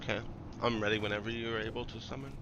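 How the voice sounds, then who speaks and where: A man leading a raid group over casual gaming voice chat, relaxed and swearing freely as he organizes everyone. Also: fairly low pitch, very fast, lo-fi sound. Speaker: raid leader and streamer.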